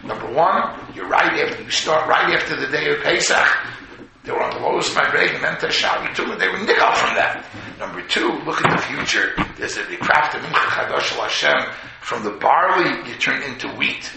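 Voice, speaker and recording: A man's voice: fairly high pitch, animated, normal speed, vocal fry, sharp tone. A man giving a Torah sermon as a rabbi, mixing with Hebrew and terms and telling stories with rhetorical questions. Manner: storytelling, rhetorical questions, voices imagined speakers, repeats phrases; mixes English with Hebrew and Yiddish terms. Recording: echoey room, faint noise.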